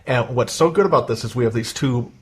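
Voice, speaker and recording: A man with a Midwestern American accent hosting a podcast in casual chat, animated and given to emphatic mock rants. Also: medium pitch, fast, slightly rough. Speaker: podcast host.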